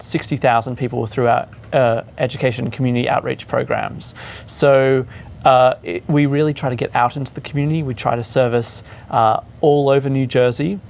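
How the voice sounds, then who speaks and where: A medium-pitched, gravelly and slightly mellow male voice belongs to an Australian orchestra chief executive with a mixed Australian accent. He is a guest in a studio interview, talking easily and using plenty of fillers.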